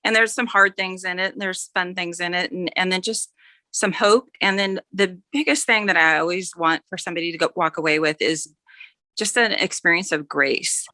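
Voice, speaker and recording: There's no room sound as a mature woman with a lowish, sharp voice talks at normal speed. She's an author guest in a relaxed interview, rambling slightly and fixing her words mid-sentence.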